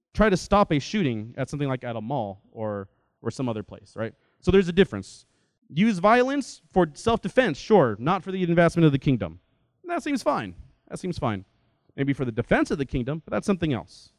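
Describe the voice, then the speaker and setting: A young adult man giving a lecture-style talk in a lively, conversational way, often checking in with his listeners. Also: a little high, dry recording. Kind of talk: lecture to an audience.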